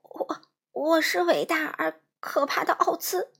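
A woman voicing a timid, bald little old man wizard who trembles and pleads in a hushed voice. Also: high-pitched, lively intonation, normal speed, slightly rough, exaggerated voice. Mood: pleading.

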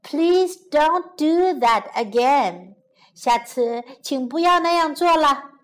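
A woman doing a gentle, caring storybook mother. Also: high-pitched, animated, slow pace. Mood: gentle motherly.

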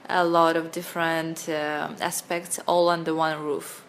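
A Russian woman with a Russian accent answers interview questions conversationally, reflecting on herself and pausing mid-thought. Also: deep voice, level tone, a little hiss or hum. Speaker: interview guest.

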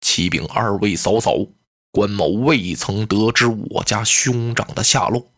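A male storyteller voicing a dignified, loyal heroic general in a deep, slow and grave voice. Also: fairly bright tone. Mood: solemn.

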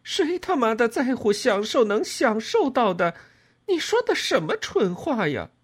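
A man voicing a distraught young woman who shouts in anger, with a strained, shrill tone, reading an audiobook. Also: very animated, unhurried, slightly rough, heavily acted. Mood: furious.

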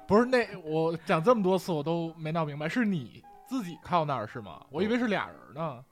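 Teasing man, lively pitch. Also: faint music behind. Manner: teasing interjections, quick laughs. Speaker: podcast co-host. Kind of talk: casual chat.

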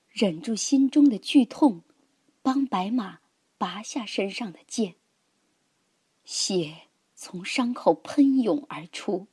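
Slow, breathy woman telling a children's story. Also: a little high, dry recording, clean studio sound. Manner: gentle, expressive, dramatic storytelling.

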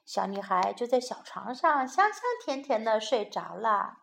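A woman telling a children's story and teaching English, with a high, lively voice that swings widely in pitch. She speaks at an unhurried pace, in a clear, teacherly way meant for young children. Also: slight background noise. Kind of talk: bilingual storytelling lesson for children.

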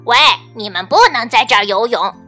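A woman's voice: fairly high pitch, fairly quick, sharp tone, soft background music, pitched below the performer's own voice. A woman voicing a grumpy, territorial otter who fishes, in a children's storybook reading, brusque and sly.

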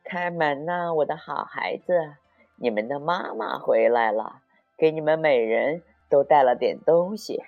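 Brief: man putting on a cunning big bad wolf for a kids' story, faked sweet high tone. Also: unhurried, vocal fry, phone-quality sound, soft background music. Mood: falsely sweet. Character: sly big bad male wolf faking a mother's voice.

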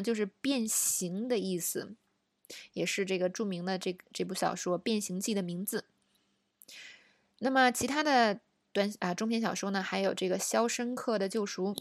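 Woman, chatty lesson host, mid pitch, dry close recording. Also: vocal fry, no echo. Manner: chatty, explaining with frequent rhetorical questions. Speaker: English teacher. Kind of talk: casual language lesson.

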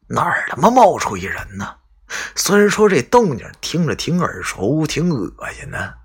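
Lively male storyteller, husky. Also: medium pitch. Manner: colloquial, lively, swearing asides. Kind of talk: live-streamed storytelling.

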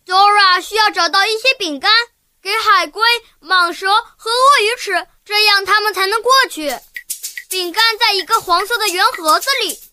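A woman's voice: extremely high pitch, normal speed, bright, forceful tone, dry recording, exaggerated voice. A woman playing a childlike, eager talking backpack in a children's cartoon, putting questions to young viewers. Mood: eager, helpful.

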